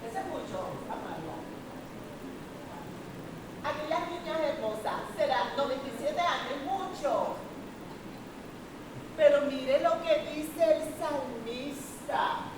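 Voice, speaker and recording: A woman leads a Bible class in a high voice, unhurried and earnest as she draws out each quoted verse. She is heard from a distance in a very echoey room with steady noise behind her. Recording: echoey room from far off, noisy.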